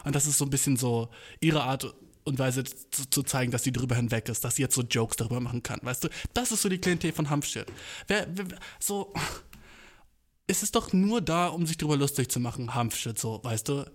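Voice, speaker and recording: A man's voice: mid-range voice, brisk. A man hosting his own podcast, rambling in casual chat, swearing a lot and dropping English slang into his rants. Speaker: podcast host.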